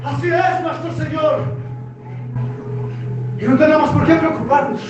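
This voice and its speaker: Male pastor, very high voice, impassioned shouting sermon, booming echoey hall from a distance. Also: unhurried, a crowd in the background. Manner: impassioned, often shouting, emphatic repetition. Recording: echoey hall from far off, dull, music and congregation behind.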